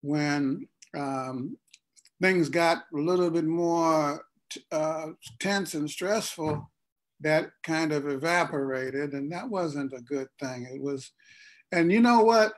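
A man from Ohio hosting a casual political discussion, speaking deliberately and pausing often mid-sentence. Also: fairly high pitch. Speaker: host.

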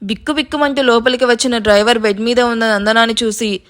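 High-voiced woman storyteller. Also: fairly even intonation, fast, fairly bright tone. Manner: engaging, addresses listeners. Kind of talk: dramatic story narration.

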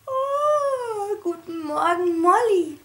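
A woman voicing a cheerful, chatty little female pet pig in a storybook reading, with a high squeaky voice. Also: sing-song, drawn-out words, fairly bright tone, heavily acted.

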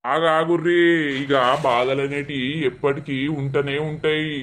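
A woman voicing a calm village woman with a Telangana Telugu accent, firm and reassuring. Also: low-pitched, a little slow, slight background noise. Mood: consoling. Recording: faint music underneath.

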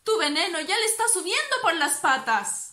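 A squeaky little boy frog from a storybook, high and breathless with excitement, his voice leaping all over the place, as a woman reads him aloud. The reading sounds roomy and echoey. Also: moderate pace, full character voice. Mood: excited. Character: small frightened young male frog.

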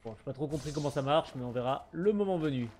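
A streamer with a fairly high, a little mellow voice talks fast with lively intonation, and there's a little hiss or hum on the recording. He casually comments on his gameplay over light game music, chatting with viewers and mutteringly reading on-screen text.

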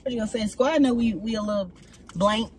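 Young man, chatty and teasing, higher voice, vlogging from the driver's seat. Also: fairly quick, background noise. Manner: chatty, teasing, talks straight to viewers. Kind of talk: casual chat while driving. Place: car.

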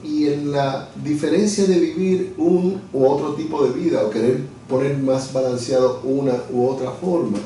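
Seated at a desk in his office, a middle-aged interview guest who works as a lawyer and communications director thoughtfully talks through his views, often restarting as he hunts for words. His mellow voice sits on the high side, with fairly even intonation, a moderate pace and hardly any pauses. He's recorded from far off in an echoey room with a little hiss or hum.

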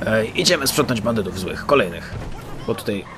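A man commentates on his gameplay in a joking, mock-boastful way, his low voice gravelly and swinging widely in pitch. Loud game sounds of engines and sirens run behind him. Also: lively intonation, normal speed, background noise.

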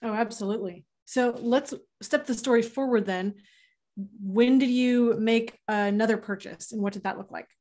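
A woman's voice: a little high, normal speed, a little mellow. A young woman hosting an interview over a video call, attentive and encouraging, asking follow-up questions. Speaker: host.

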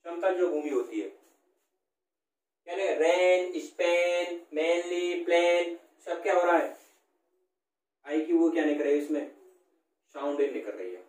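A man teaching a grammar lesson, asking and answering his own questions and reading example lines slowly. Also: a little high, darkish tone. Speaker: English teacher. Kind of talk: classroom lesson explaining grammar. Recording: echoey room.

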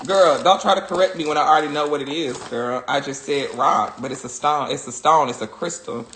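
A man with a high voice and a drawl opening fan mail on a phone livestream, loud and dramatic, dropping to a prayerful murmur between high-pitched outbursts. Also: a little fast, reverberant, slight background noise. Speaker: social media personality. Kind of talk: live-stream fan mail unboxing.

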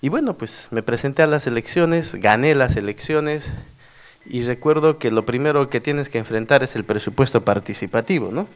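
A man's voice: mid-range voice, moderate pace, clean tone. A middle-aged man from the Cusco region, a former mayor telling stories in a workshop talk and often tagging his sentences with a question. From Peru, Cusco region. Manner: animated storyteller with frequent tag questions. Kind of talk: anecdotal conference talk.

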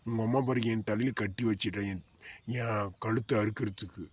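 A man's voice: fairly low pitch, fairly even intonation, brisk, slightly rough. A man voicing a scolding middle-aged husband in a cartoon. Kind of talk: cartoon voice acting.

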